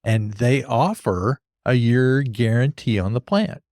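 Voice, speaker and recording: A man's voice: mid-range voice, takes it slowly, darkish tone, no echo, clean studio sound. A man hosting a podcast, explaining things in a casual, conversational way. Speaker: podcast host, landscape architect.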